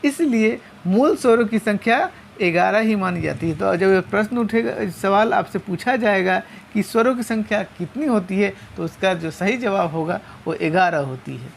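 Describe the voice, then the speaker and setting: A woman teaching a lesson, explaining step by step and slowly spelling out each sound. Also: mid-range voice, expressive, creaky, a little hiss or hum. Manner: slow and methodical, repeating and spelling out sounds.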